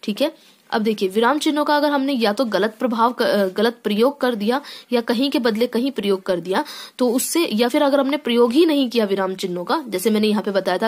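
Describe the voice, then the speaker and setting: Hindi teacher explaining step by step. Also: female voice, on the high side. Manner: explains step by step with frequent "theek hai" check-ins and restarts; reads sentences aloud then explains them. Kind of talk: classroom lesson explanation.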